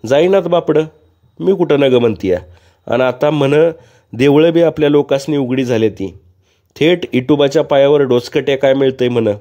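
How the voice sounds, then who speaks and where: A man voicing a sharp-tongued young village woman who scolds in a tart manner. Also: medium pitch, normal speed, lightly acted. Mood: scolding.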